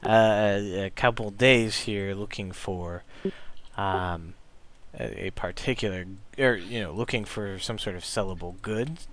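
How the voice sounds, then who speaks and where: A young man running a tabletop game as game master, narrating in a rambling way with many pauses and restarts. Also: fairly low pitch, a bit bright. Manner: rambling, full of ums and restarts.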